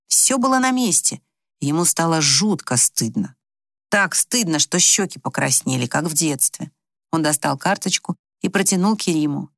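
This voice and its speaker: A woman narrating an audiobook in calm, even storytelling. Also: fairly low pitch, no echo, clean studio sound.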